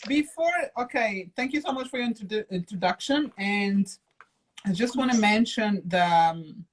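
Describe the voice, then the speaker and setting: A woman from Portugal hosting a live video call from home, chatty and quick to laugh. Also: medium pitch, a little hiss or hum. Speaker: live-stream co-host. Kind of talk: casual live-stream chat. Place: at home in London.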